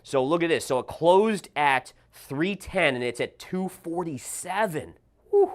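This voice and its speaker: A man hosting a trading show, giving brisk live market commentary and reacting aloud as he reads the charts. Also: a little high, expressive. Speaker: market analyst host.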